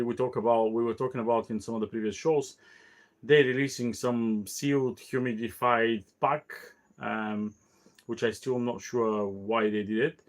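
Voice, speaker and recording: Halting, tired man hosting a cigar show. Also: mid-range voice. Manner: halting, many fillers and restarts. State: tired, yawning. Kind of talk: casual solo talk show.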